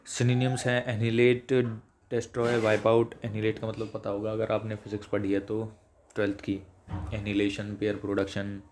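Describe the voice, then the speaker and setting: A man teaching English vocabulary in a chatty lecture, switching between Hindi and English and slowing down to read English definitions. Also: on the low side, completely flat delivery, darkish tone, slight background noise. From India.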